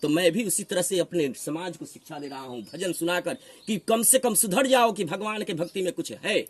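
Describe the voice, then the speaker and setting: With a Bihari accent and a high, slightly rough voice at normal speed, a man argues heatedly like a preacher. He is assertive and admonishing, frequently posing rhetorical questions.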